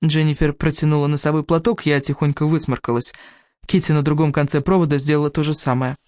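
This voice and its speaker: A woman's voice: low voice, steady tone, fast, a little mellow, no echo, studio quality. Woman reading a novel aloud. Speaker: audiobook narrator. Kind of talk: first-person novel reading.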